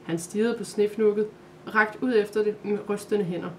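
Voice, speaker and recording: A woman narrating a Christmas calendar story aloud, in a calm, steady way. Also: mid-range voice, a little hiss or hum.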